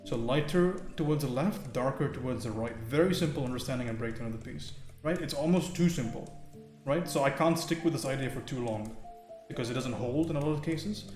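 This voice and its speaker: A man's voice: medium pitch, brisk. Man teaching painting in a roomy sound. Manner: relaxed, thinking aloud, frequent "right?". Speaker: digital painting streamer. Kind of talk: live painting tutorial with chat. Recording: roomy sound with faint music.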